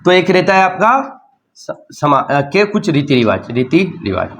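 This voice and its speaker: A man's voice: fairly high pitch, big pitch swings, unhurried, a bit bright, a little hiss or hum. A man with a Hindi accent teaching a sociology class, repeating key terms and asking and answering his own questions. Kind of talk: classroom lecture.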